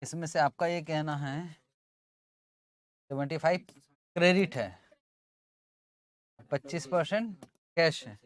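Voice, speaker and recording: A man's voice: on the high side, slow, long pauses. A man teaching accounting in an informal lesson, casually working through the sums aloud.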